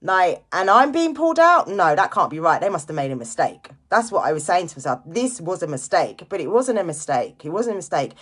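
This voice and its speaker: She's a live-stream host in her late forties, a direct seller delivering a motivational talk in a lowish, slightly rough voice. Very animated and a little fast, she barely pauses, chatting informally and directly to her audience and repeating key phrases to drive them home.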